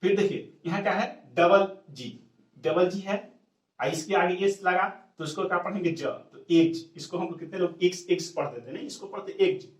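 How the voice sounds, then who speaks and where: A man with a somewhat high voice leads a classroom lesson on pronunciation. He repeats each rule, asks the students what it is, and then answers himself. His voice sounds distant and bounces around an echoey room. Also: normal speed. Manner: repetitive question-and-answer drilling. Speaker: English pronunciation teacher.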